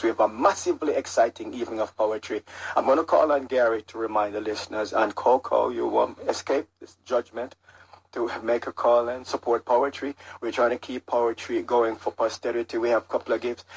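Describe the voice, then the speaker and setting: A man's voice: medium pitch, gravelly, husky, low-quality recording. A man hosting a live radio poetry show, chatting, joking and repeating the pledge phone number. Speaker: radio host. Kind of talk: live radio fundraising chat. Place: radio studio.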